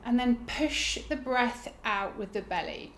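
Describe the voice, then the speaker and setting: A woman teaching a yoga breathing technique, explaining it informally and guiding gently with soft phrase endings. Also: fairly high pitch, a little slow, slight background noise. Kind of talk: instructional demonstration, casual explaining. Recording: roomy, echoing indoor sound.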